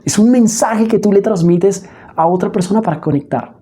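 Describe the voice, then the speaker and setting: Brief: female speech coach, mellow and slightly husky, lively demonstrative delivery. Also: mid-range voice, moderate pace. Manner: expressive, demonstrates emotions with her voice; frequent checking "¿sí?" asides. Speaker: voice and public speaking coach. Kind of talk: spoken lesson.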